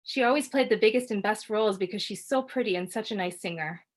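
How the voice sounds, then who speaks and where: Woman reading fiction aloud, measured. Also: medium pitch. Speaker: author reading at a book launch.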